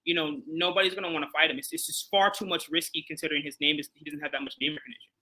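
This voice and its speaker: A man from Chicago, a guest on a boxing interview, talking in a casual, animated way, restarting and repeating himself with many fillers. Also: fairly high pitch, rapid-fire, rough recording.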